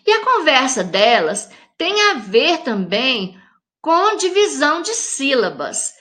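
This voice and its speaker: A Brazilian woman teacher with a Brazilian Portuguese accent, giving a lesson to young pupils and stretching each example word out slowly. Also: sits high, big pitch swings, sharp tone. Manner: slow, drawn-out syllables when saying example words; addresses young pupils directly, friendly teacher tone. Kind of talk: recorded classroom lesson for children.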